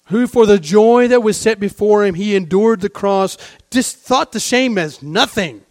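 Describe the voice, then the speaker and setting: A man preaching a sermon with fervour, posing rhetorical questions and moving between hushed and raised delivery. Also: sits high, measured pace, no echo, clean studio sound.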